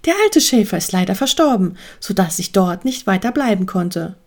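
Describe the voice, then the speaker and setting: Woman doing a mild friendly sheep guy from a storybook, lively voice. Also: medium pitch, normal speed. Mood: calm. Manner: mild, puzzled, reasonable.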